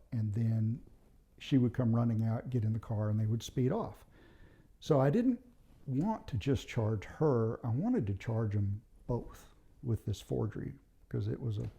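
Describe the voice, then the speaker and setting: With a medium-pitched, gravelly, warm voice, a retired police officer casually tells true anecdotes from the job. His delivery stays plain-spoken and matter-of-fact.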